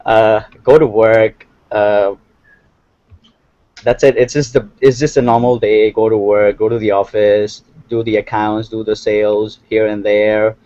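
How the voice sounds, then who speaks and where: Brief: young man from Thailand, lowish voice, hesitant and soft-spoken, dry and slightly dull recording. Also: level tone, a little slow, no echo. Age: young adult. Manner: hesitant, many fillers and restarts, soft-spoken. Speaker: interview guest, hotel owner. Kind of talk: casual interview answers.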